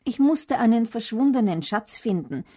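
A woman's voice: fairly high pitch, expressive, normal speed, mellow, slightly rough. A woman voicing a brave, helpful young schoolboy in a children's storybook reading. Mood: eager.

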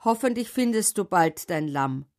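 A woman's voice: lowish voice, expressive, normal speed, darkish tone, pitched above the performer's own voice, lightly acted. Give me an old street beggar from a children's tale, humble and pleading, his voice raised, as a woman reader puts him on.

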